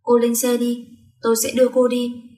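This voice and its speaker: A woman's voice: a little high, monotone, moderate pace, dark tone, close to an everyday voice. A woman voicing a cold, proud rich young man who is a company chairman, speaking curtly. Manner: curt and commanding. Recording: roomy echo.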